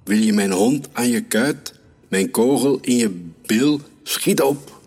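A man voicing a bossy young child who plays a hunter, shouting and swaggering. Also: on the low side, fairly even intonation, takes it slowly, voice pushed up. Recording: reverberant room with soft music.

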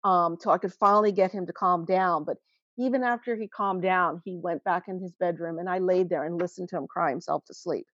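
A woman in her forties, a mother telling her son's story as an interview guest, earnest and halting with frequent restarts. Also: on the low side, fairly bright tone, no echo, lo-fi sound. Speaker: guest, mother of a teen who vaped. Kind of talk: emotional personal account in interview.

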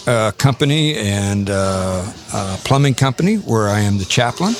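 Calm low-voiced man guest. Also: normal speed, over music. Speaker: pregnancy center director and chaplain. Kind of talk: casual interview talk.

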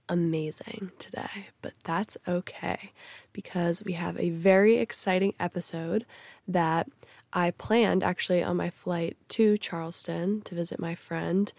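A woman's voice: lowish voice, vocal fry, a little mellow, dry recording. A young woman hosting a casual solo podcast, tired and a little stuffy from a cold, chatty and full of fillers. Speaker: podcast host.

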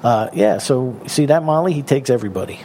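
A man hosting a radio show in a casual, jokey way, laughing often and filling pauses with uh and um. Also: medium pitch, lively intonation, warm tone, a little hiss or hum.

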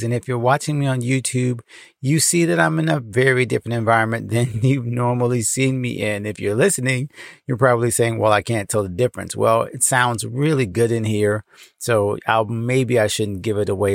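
American guy doing a solo podcast, creaky voice, encouraging, super dry closet recording. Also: lowish voice, no echo. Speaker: podcast host and founder. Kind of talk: solo podcast talk, addressing listeners. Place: clothes closet at home.

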